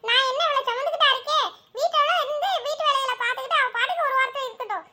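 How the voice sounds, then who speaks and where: A woman's voice: extremely high pitch, rapid-fire, bright, forceful tone, heavily acted. A woman voicing a firm cartoon matriarch. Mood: firm, comforting. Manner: firm, scolding yet comforting. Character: older mother, caring family matriarch.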